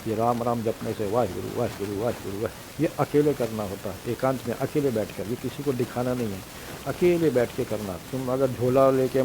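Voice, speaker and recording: Man giving a spiritual discourse over hiss. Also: mid-range voice. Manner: explains slowly with repetition, chants sacred names. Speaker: spiritual teacher. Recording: hissy recording. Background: steady hiss.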